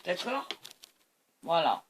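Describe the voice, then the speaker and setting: A woman's voice: fairly low pitch, very animated, slow, noisy background. A tired woman hosting a painting tutorial, talking to camera as she mixes colors and keeps praising them. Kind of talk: art demonstration talk to camera.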